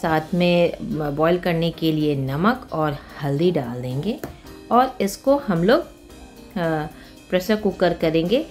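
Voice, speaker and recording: A cooking host with an Indian accent narrates a recipe step by step, informal and mixing English words and phrases into her speech. Her voice is fairly low and darkish, animated, and slow. Background music plays behind her.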